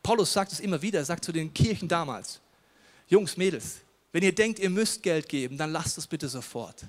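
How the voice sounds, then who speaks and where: A man preaching a lively sermon as pastor, colloquial and playful, with casual asides to the congregation. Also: on the high side, normal speed.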